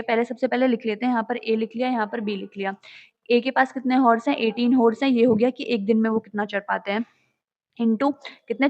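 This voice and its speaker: A woman teaching maths, solving exam questions step by step, asking and answering her own questions and reading each question out in English before explaining in Hindi. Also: fairly high pitch. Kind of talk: exam solution walkthrough. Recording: dull lo-fi audio.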